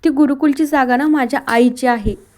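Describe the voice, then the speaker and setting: A woman's voice: high voice, fairly even intonation, moderate pace, darkish tone, lightly acted. A woman reading the lines of a smug, scheming man who gloats about his plot. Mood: gloating. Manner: gloating and sly.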